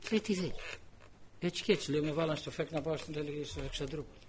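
A man's voice: on the high side, a little hiss or hum. An older man preaching a sermon, telling a personal story and acting out the quoted dialogue with many repeated words.

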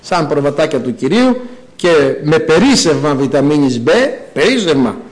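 Animated preacher man. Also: poor audio. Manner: animated storytelling with sudden high bursts. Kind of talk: sermon.

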